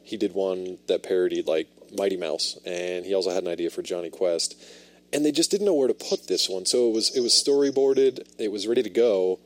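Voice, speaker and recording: Podcast host, man, very deep voice, enthusiastic explainer. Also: fairly quick. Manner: enthusiastic, explains what he looks up. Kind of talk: casual chat.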